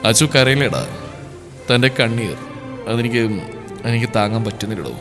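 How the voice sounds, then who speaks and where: A man voicing a grim, wounded young husband who talks softly and quietly, choked with sorrow, over a long reverb and faint music. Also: mid-range voice, quick pace, close to an everyday voice. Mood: sorrowful.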